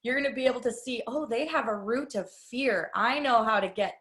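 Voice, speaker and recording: A woman's voice: fairly high pitch, brisk, fairly bright tone. Chatty woman trainer in an echoey room. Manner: chatty, confiding, tells personal stories; addresses the audience directly. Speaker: business trainer. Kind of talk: live training talk to an audience. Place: room with a live audience.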